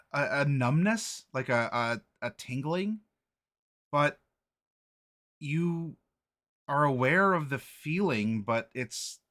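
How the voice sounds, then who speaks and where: A man's voice: mid-range voice, fairly bright tone. A man narrating an improvised tabletop game as game master, tentatively searching for words as he describes.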